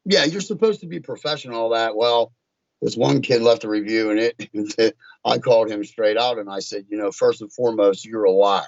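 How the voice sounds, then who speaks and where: A low-voiced man from Virginia tells stories in a halting way, stopping and restarting his sentences often. His voice comes through as flat, dull lo-fi audio. The recording is very dry. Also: no echo. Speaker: guest, tint shop owner. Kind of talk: podcast interview.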